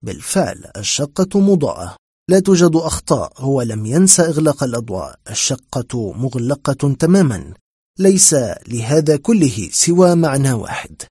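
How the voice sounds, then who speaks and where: Man reading a creepy horror story out loud, tense and dramatic, husky mellow voice, fairly high, dry sound. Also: sing-song, moderate pace, no room sound. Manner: tense, dramatic first-person telling. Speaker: narrator. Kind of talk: scripted horror story narration.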